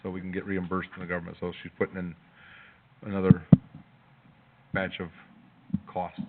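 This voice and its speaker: A man's voice: sits low, monotone, normal speed. A man chairing a village committee meeting, plainspoken and moving through the agenda. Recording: tinny call audio with faint noise.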